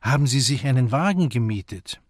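A man's voice: mid-range voice, lively intonation, fairly quick, no room sound, close to an everyday voice. A man voicing a young woman who is eager and gushing, in a dry audiobook reading. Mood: curious. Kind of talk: audiobook character voice.

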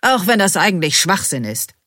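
A grumpy middle-aged delivery man, read by a woman, blunt and grumbling. His voice sits fairly low, with a lively rise and fall. The recording is dry and close. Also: normal speed, no room sound, exaggerated voice.

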